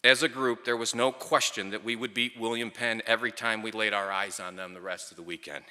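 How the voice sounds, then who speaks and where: Speaking a little fast in a steady, sharp tone, this middle-aged man, once a player and later a coach, tells stories in a tribute at a ceremony. His pitch is fairly low and his humour dry and wry. The hall he addresses from the microphone has a long, echoing reverb.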